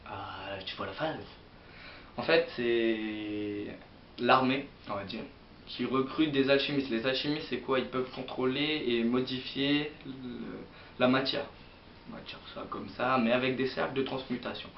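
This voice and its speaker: A man's voice: mid-range voice, a little slow. A young man chatting casually about manga to his viewers, hesitant and rambling with many fillers. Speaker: manga vlogger. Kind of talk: casual manga chronicle to camera. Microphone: built-in mic of an old computer setup. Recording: roomy, distant, dull lo-fi sound with faint hiss.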